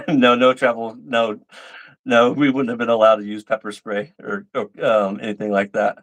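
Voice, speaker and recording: A middle-aged man hosts a relaxed live chat from home. He tells long stories and acts out the lines of the people in them. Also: mid-range voice, normal speed, rough recording. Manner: animated, acts out quoted lines. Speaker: livestream host. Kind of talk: casual storytelling chat.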